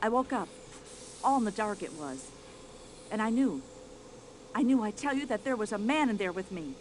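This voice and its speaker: An actress voicing an older American widow in a video game, brash, nosy and quick to complain. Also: female voice, medium pitch, expressive, slight background noise, close to an everyday voice. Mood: huffy. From United States. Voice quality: loud, sharp-tongued and complaining.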